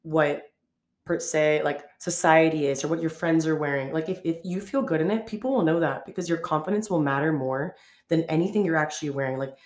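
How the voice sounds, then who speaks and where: A young woman hosting her own podcast, chatting casually and quickly and peppering her talk with "like". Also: deep voice. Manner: chatty, fast, heavy use of "like". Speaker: podcast host. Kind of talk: casual solo podcast chat.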